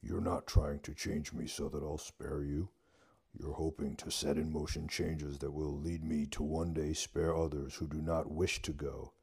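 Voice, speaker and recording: A man voicing Death as a calm, deliberate figure who speaks slowly. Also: very deep voice, creaky, breathy edge, heavily acted. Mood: solemn. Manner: slow and deliberate. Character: Death, slow and measured, calm being.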